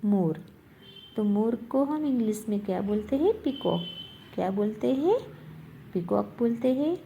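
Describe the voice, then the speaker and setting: A woman's voice: mid-range voice, animated, unhurried, creaky, mellow, dull audio, a little hiss or hum. A woman teacher leading a revision lesson, spelling words letter by letter, repeating them and answering her own questions. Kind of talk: slow classroom revision lesson.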